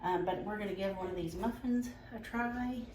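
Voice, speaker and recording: A woman hosting a casual home vlog, chatty and relaxed with many ums. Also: medium pitch, normal speed, a little hiss or hum. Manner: talks while tasting, mouth full. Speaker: home cooking vlogger. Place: home kitchen and growing room. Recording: roomy home echo.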